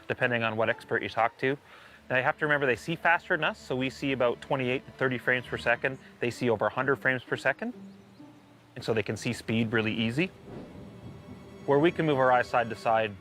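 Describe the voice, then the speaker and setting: A man speaks as an expert in an unscripted interview. His voice sits at a middle pitch, with informal, slightly halting explanations. Faint music plays behind him. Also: fairly bright tone. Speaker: bird of prey expert interviewee.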